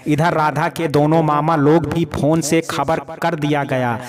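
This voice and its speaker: A man tells a sad family drama as an audio story, in a fairly high voice with a plain, steady delivery. Crowd chatter is clearly heard behind him the whole time. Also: a little slow. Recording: crowd noise in background.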